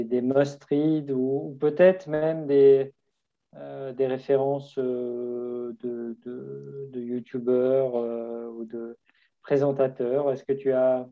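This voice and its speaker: A man's voice: medium pitch, narrow, tinny audio. A man moderating an online session, reading out audience questions with many fillers.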